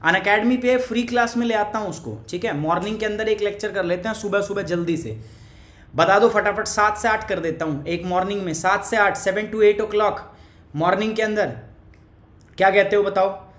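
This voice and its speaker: In an echoey room, a coughing male teacher with a high-pitched, fairly bright voice leads a chatty live online lesson at a moderate pace. He teases viewers by their names.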